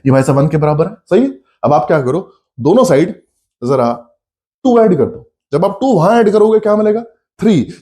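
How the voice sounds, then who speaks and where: A middle-aged man teaching a math lesson, coaxing his students along and acting out their questions. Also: a little high. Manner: lively, coaxing, addresses students as beta, acts out their questions. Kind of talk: coaching class lecture.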